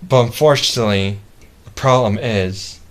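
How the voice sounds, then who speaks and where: Man, lowish pitch, casual demo reviewer, halting, repetitive phrasing, clearly noisy home recording. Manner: halting and repetitive, often restarting sentences. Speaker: toy reviewer. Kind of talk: casual product demonstration.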